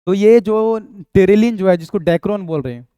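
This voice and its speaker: बिहारी लहजे वाला चंचल रसायन शिक्षक. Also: male voice, high-pitched, a little fast, mellow, smooth, dry recording. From Bihar. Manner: playful, banters with imagined students, sings a snatch. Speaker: chemistry teacher. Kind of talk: exam-prep lecture.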